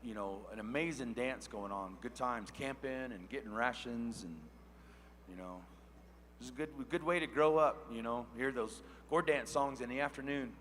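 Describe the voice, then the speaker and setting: A man's voice: medium pitch, moderate pace, fairly bright tone, long reverb tail, a little hiss or hum. A man from Oklahoma, a powwow emcee chatting and announcing in an easygoing, folksy, conversational way. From Oklahoma, USA.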